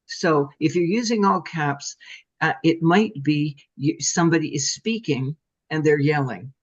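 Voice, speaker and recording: A man taking part in an online workshop, making an earnest, measured point with examples over a video call. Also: a little high. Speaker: workshop participant. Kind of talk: group discussion comment. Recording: dull lo-fi call audio.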